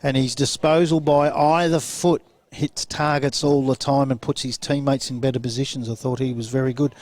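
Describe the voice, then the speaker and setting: An Australian man with a medium-pitched, darkish voice and little pitch movement delivers post-match football commentary. He's brisk and chatty as he goes through results and numbers.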